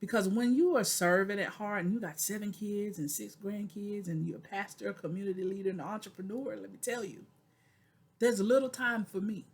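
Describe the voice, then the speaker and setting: This vlogger, a woman in her forties, has a mid-range, slightly rough voice and talks a little fast. Calling her viewers "y'all," she delivers her video diary earnestly, almost like a preacher, repeating phrases to drive points home.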